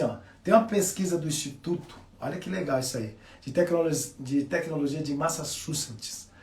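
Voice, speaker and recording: A Brazilian man giving a motivational talk, telling stories with lots of slang and animated delivery. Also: on the high side, far from the mic. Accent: Brazilian Portuguese. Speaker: coach. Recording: echoey room.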